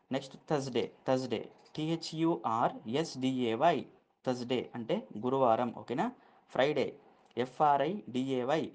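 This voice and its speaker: Man, English teacher, slow letter-by-letter spelling, patient check-ins. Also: mid-range voice, a little mellow. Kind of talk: vocabulary lesson, spelling out words.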